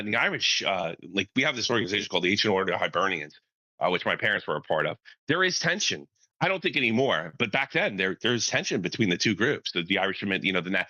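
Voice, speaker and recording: An American man talks casually in a low but forceful, bright voice. His pitch swings around a lot as he rambles, brash and sweary. The sound is dry. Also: lo-fi sound. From United States. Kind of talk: casual chat.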